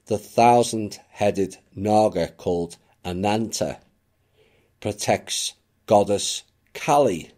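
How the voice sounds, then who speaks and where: A man with a deep, low voice talks through a reflective monologue at a very slow, deliberate pace. His tone is mellow and dark, and he drops in occasional offhand asides. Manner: measured, unhurried, with occasional asides. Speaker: esoteric channel narrator.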